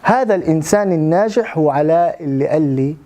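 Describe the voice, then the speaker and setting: A man giving a motivational storytelling talk, animated and speaking directly to his audience. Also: on the high side, fast. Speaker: public speaking trainee.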